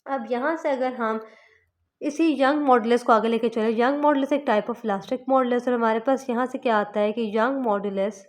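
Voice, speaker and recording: A woman physics teacher from Pakistan giving a lecture, explaining step by step and slowing down to spell out formulas. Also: a little high. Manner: explains step by step, mixing English terms into Urdu.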